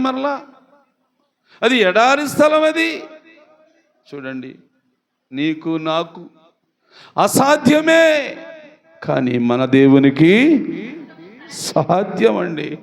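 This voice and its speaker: Impassioned high-voiced male preacher, gravelly edge. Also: sing-song, takes it slowly, long pauses. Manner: impassioned preaching, rising to shouts and dropping low; questions the congregation directly. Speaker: pastor. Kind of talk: Sunday morning sermon.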